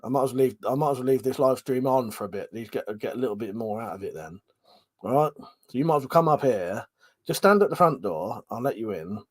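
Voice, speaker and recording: A man in his forties with a mid-range voice talks fairly fast on a dry recording. Chatting casually on a live stream from a room at home, he reads out comments, swears and laughs in animated banter.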